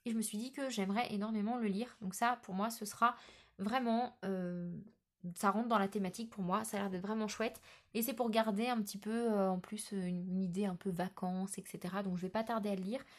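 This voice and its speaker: A woman's voice: mid-range voice, fairly even intonation, brisk. A woman talking casually in a book vlog, often hesitating with filler sounds and restarts. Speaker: book vlogger.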